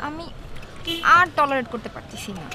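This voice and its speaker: A woman's voice: high-pitched, expressive, normal speed, a crowd in the background. A woman playing a worried young woman who scolds her friends. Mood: upset. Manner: anxious, reproachful.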